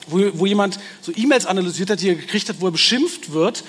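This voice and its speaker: A man's voice: high-pitched, expressive, quick pace, a bit bright. A man giving a public talk, thinking aloud and briefly acting out the voices he quotes. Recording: hall reverb with faint background noise.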